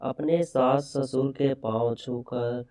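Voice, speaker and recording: Man playing old grandmother, instructive storybook warning, slow and mellow. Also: medium pitch, fairly even intonation, distant mic. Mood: cautioning. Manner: cautioning, instructive. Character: old grandmother giving stern advice.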